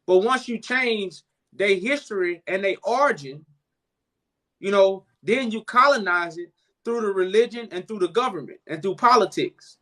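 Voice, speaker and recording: A man's voice: sits high, lively intonation, normal speed, fairly bright tone. A man hosting a live chat, preaching and explaining at length, calling the listener "brother man". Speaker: host.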